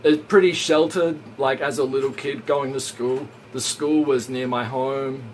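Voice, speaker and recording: Raised in Australia after starting life in Hong Kong, a man live streams from his home kitchen, cooking by a hot stove while casually rambling and answering viewer questions. He speaks at a measured pace in a steady, medium-pitched voice. The audio is poor, with slight background noise.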